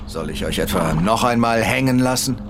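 A man's voice: lowish voice, expressive, normal speed, noisy background, close to an everyday voice. An actor playing a proud, glory-hungry medieval English king in an audio drama, grandiose and commanding, in archaic courtly speech. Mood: proud, challenging.

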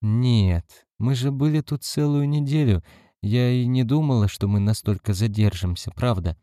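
A man's voice: medium pitch, normal speed, mellow, dry recording, clean studio sound, pitched above the performer's own voice, lightly acted. Give me a man doing a tired, anxious mother in a storybook reading, weary and hesitant. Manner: weary, uncertain. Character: anxious tired adult woman, mother of three. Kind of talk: audiobook reading.

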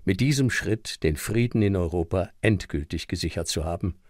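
A man's voice: sits low, moderate pace. A man reading scripted historical documentary narration.

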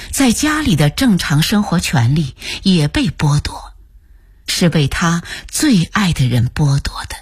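A woman narrating a story for radio in a slow, hushed reading that often sinks to a whisper. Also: fairly low pitch, husky, dry recording, clean studio sound.

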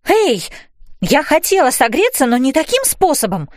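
A flustered but gentle fairy mom from a children's storybook, drawing out her spells and exclamations, voiced by a woman reader. Her voice is high and very lively, close and dry. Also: no echo. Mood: indignant. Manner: exclamatory, slow emphatic commands.

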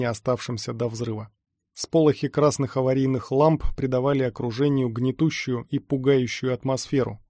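A man reading a first-person action story aloud at a steady pace as an audiobook narrator. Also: mid-range voice, no echo, studio quality. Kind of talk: scripted narration.

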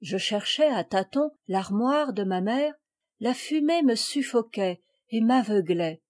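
Tender devoted young boy, read by a woman narrator, slow and warm. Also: a little high, no echo.

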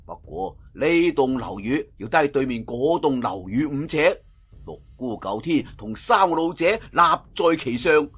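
Telling a scripted wuxia story with theatrical, colloquial flair, this Cantonese-accented man dramatically narrates a martial arts tale. His voice is a little high, with a breathy edge.

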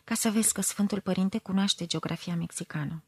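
A woman voicing a bossy, scornful old mother who scolds loudly and hisses through her teeth, in an audiobook reading. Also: medium pitch, slightly rough, no echo. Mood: scolding. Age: older.

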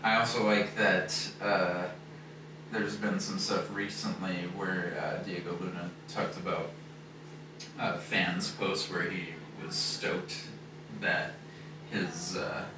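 Male podcast co-host, loose rambling chat, deep voice, distant mic in a hollow, noisy room. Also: flat delivery, slow, heavy reverb. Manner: loose and rambling, heavy on fillers. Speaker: podcast co-host reviewing a film. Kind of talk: casual chat.

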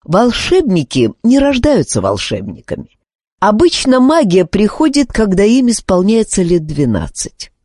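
A woman narrating a fantasy novel aloud in an expressive storytelling manner. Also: medium pitch, measured pace, dry recording, studio quality. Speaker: audiobook reader. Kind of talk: scripted narration.

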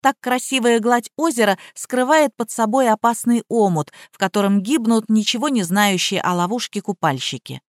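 A woman's voice: on the high side, animated, moderate pace, hardly any pauses, no echo, studio quality. Woman narrating a first-person audiobook.

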